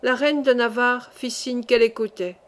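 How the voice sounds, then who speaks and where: A woman narrating a classic novel as an audiobook in a steady, measured way. Her voice sits a little high for a woman.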